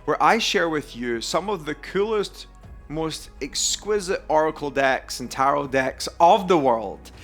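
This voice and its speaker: A man's voice: fairly high pitch, animated, unhurried, a bit bright. A Scottish man, probably in his thirties, enthusiastically hosting a casual vlog walkthrough of a card deck. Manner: enthusiastic, upbeat. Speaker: YouTube host presenting oracle decks. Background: faint background music.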